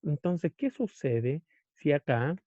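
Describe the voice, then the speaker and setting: A man's voice: on the high side, sing-song, slow pace, dry recording. A man lecturing a class, often checking in with his listeners and acting out little dialogues between devices. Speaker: teacher. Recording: dull, muffled lo-fi recording.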